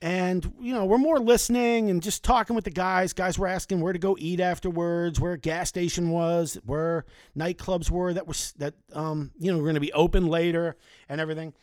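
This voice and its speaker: A talkative man in his forties spins loose, casual stories from years back. His voice sits a touch high for a man, and it sounds close and dry, with no room echo. He drifts from one aside to the next and swears now and then. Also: steady tone, moderate pace, darkish tone. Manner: chatty, conversational, with mild swearing. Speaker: storyteller. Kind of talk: casual anecdotal storytelling.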